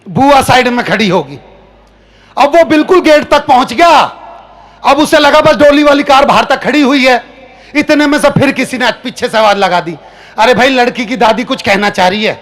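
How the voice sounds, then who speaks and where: High-voiced man telling a comic story on stage. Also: moderate pace. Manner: animated storytelling, acting out many characters. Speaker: comic poet. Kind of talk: stand-up comic poetry performance. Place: stage at a live poetry gathering with audience.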